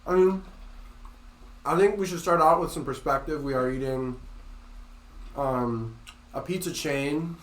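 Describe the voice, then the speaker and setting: A man's voice: a little high, measured pace, pauses often, a bit bright. A man co-hosting a casual podcast, joking in a laid-back way. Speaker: podcast co-host. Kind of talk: casual chat. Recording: echoey room.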